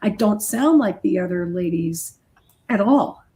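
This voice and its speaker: Mellow and unhurried, her mid-range voice stays animated as she talks. She's a middle-aged heavy metal musician in a casual interview, telling stories with a blunt, self-deprecating edge.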